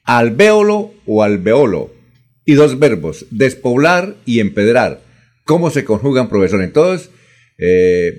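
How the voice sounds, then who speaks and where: A man, hosting a radio show and putting listener questions to a guest in a relaxed, conversational way. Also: medium pitch. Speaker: radio host.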